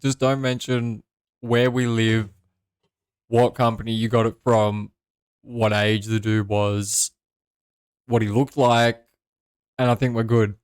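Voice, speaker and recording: A man's voice: medium pitch, level tone, slow pace, long pauses, smooth, no room sound, clean studio sound. A man co-hosting a podcast, teasing a friend in casual chat. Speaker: podcast co-host.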